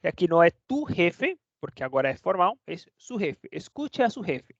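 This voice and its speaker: A man's voice: sits high, very animated, moderate pace, vocal fry, no room sound. A man teaching a casual online lesson, chatty, checking in with the class every few words. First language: Portuguese. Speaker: Spanish teacher. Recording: dry, dull lo-fi sound.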